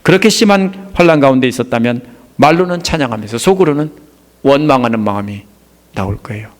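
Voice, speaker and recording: A middle-aged Korean man preaching a sermon, asking the congregation questions and answering them, his voice rising for emphasis and then dropping low and soft. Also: a little fast. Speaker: pastor.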